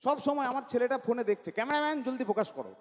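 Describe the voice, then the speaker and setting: A man doing stand-up comedy on a stage, telling quick joking stories and acting out the voices in them. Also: extremely high pitch, lively intonation, highs cut off. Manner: fast joking storytelling, acts out quoted voices. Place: stage at a local fair show.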